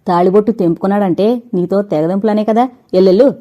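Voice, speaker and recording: A woman's voice: mid-range voice, normal speed, muffled recording, lightly acted. A woman voicing a greedy, scornful older village man who talks in a harsh rustic dialect.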